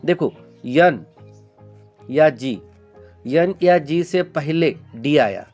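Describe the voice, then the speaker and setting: A man's voice: on the high side, lively intonation, extremely slow, darkish tone, soft background music. A man teaching English pronunciation in Hindi, answering his own repeated questions and calling viewers "beta". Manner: drills with repeated call-and-response questions; addresses viewers as children. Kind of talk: classroom-style pronunciation lesson.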